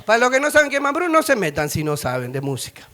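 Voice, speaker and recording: A man's voice: very high voice, wildly swooping pitch, fast, sharp tone. A middle-aged man with a Rioplatense Spanish accent, preaching a humorous sermon as a pastor, acting out voices, singing snippets and laughing often.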